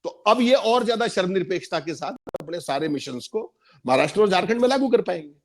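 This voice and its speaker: A man's voice: high voice, expressive, brisk. A man giving emphatic political commentary on a panel, repeating points for stress.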